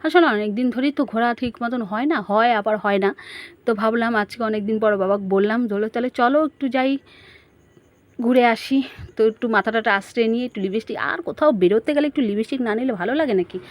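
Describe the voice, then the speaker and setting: A woman's voice: on the high side, very fast, no echo. A woman narrating a casual family vlog, chatting straight to her viewers and asking them questions. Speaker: family vlogger.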